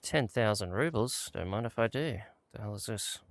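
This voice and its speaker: A man's voice: lowish voice, expressive, normal speed, no room sound. A man giving laid-back, casual commentary as he plays a game and talks himself through it. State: out of breath at times. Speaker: gaming channel host.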